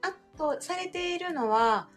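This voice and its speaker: A woman with a Kansai accent co-hosting a casual couple's live stream, chatty and quick to laugh as she reads out listener comments. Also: high voice, lively intonation, soft background music. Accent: Kansai Japanese. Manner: chatty, laughs easily, frequent backchannel nods.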